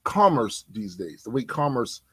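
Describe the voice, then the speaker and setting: A man co-hosting a casual podcast, talking in an animated, slangy way and laughing often. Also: medium pitch, a little slow, slightly rough, no echo. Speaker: podcast co-host.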